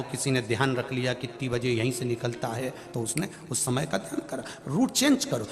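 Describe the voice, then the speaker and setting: A male preacher tells devotional stories to a gathering and acts out each character's voice as he goes. His voice sits fairly high and sounds bright and forceful. It rings through a reverberant hall over faint music. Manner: storytelling, acting out quoted voices with wide pitch swings.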